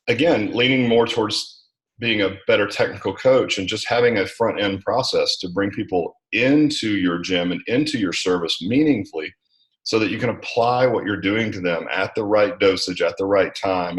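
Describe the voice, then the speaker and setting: A man's voice: sits low, poor audio. A middle-aged American man giving talkative, informal interview answers, often checking in with "right" and "you know". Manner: talkative, informal, peppered with 'right' and 'you know'. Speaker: interview guest, gym franchise founder.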